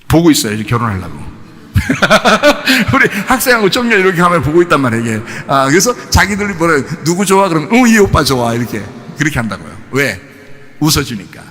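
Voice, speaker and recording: A man preaching a sermon as pastor, animated and folksy, acting out family quarrels and dropping into casual speech. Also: a little high, in a large hall. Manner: folksy, shifts between polite and casual speech. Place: church sanctuary.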